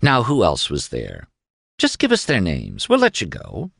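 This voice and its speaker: A man's voice: deep voice, huge pitch swings, a little slow, vocal fry, a bit bright, breathy edge, no room sound, clean studio sound, exaggerated voice. A man playing a curt, menacing officer. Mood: coaxing. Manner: curt, then coaxing and sly. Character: cold, menacing male interrogating officer.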